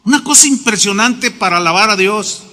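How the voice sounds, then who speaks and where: A man's voice: high voice, animated, brisk, sharp tone. A middle-aged man preaching a sermon, telling stories emphatically and acting out the quotes himself. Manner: emphatic, storytelling with acted quotes. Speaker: pastor. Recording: long reverb of a hall.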